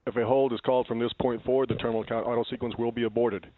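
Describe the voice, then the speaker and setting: A man's voice: mid-range voice, level tone, racing, no room sound. A man working as a launch controller reads countdown procedures in a clipped, formal way over a radio net. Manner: clipped, formal, scripted delivery. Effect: radio comms net. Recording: tinny phone-like radio comms line.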